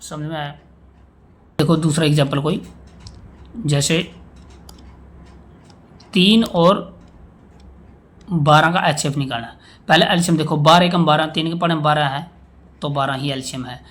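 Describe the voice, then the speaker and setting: A man's voice: fairly high pitch, measured pace, long pauses, fairly bright tone. A man teaching a basic maths lesson, explaining each step and often checking that the class understands. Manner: explains step by step, often asks "samajh mein aaya?"; checks in with "theek hai" and recites times tables aloud.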